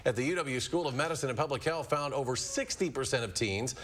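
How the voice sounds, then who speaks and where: A man's voice: mid-range voice, fast, fairly bright tone. An American man anchors a television newscast, reading scripted stories in a mid-range voice. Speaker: TV news anchor.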